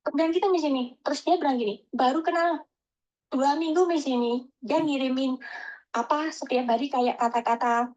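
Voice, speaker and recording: A woman calling in and telling a story in a lively, chatty way, acting out the lines people said to her. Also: sits high, normal speed, highs cut off. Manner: chatty, animated, acts out quoted dialogue. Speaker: caller. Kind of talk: casual storytelling phone call.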